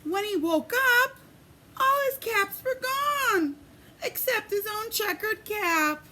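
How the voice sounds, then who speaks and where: A preschool teacher reads a picture book aloud with lots of expression and a sing-song lilt, stopping now and then to ask the young children questions. Her voice is very high, and there's a little background noise.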